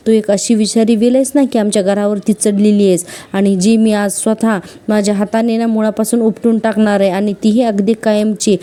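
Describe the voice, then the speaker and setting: A woman reading out the threats of a furious young woman avenging her family, in a menacing, deliberate way. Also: medium pitch, level tone, warm tone, lightly acted. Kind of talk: quoted lines in a serial recap.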